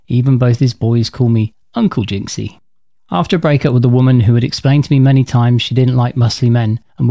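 A man in his forties with a mellow, relaxed timbre, recorded close and dry with no room around him. He hosts his own podcast and reads his stories from a script in a dry, matter-of-fact way, at an ordinary middle pitch. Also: no room sound. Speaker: podcast host. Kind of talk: scripted personal storytelling.

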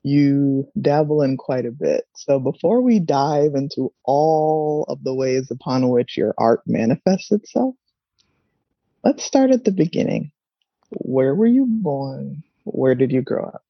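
A woman hosting a podcast interview, reading a measured scripted introduction and then chatting with her guest. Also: rumbling low, expressive, dry recording, dull audio. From family from Nigeria. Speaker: podcast host.

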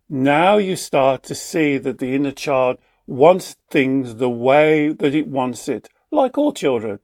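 A man with a voice on the high side talks through his ideas in a relaxed conversation. He is a therapist and tells stories with animation, slipping into quoted voices as he goes. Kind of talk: explaining in a conversation.

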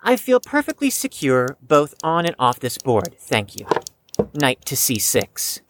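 In a scripted audio drama, an actor plays a reserved, defensive young chess prodigy, delivering lines in a guarded, precise, slightly stiff way. The voice is mid-range with huge pitch swings and a measured pace, and there's background noise.

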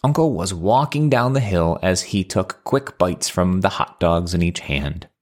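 Deep-voiced man reading a story. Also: animated, measured pace. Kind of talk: reading a children's story aloud.

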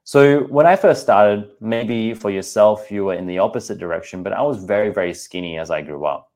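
Fairly quick and darkish in tone, a lowish-voiced Australian man in his thirties delivers a casual podcast monologue. As host and personal trainer, he chats candidly with his listeners.

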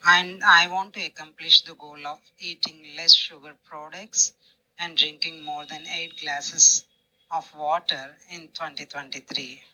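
A woman's voice: low voice, steady tone, measured pace, sharp tone, poor audio. A woman from India, a listener speaking steadily.

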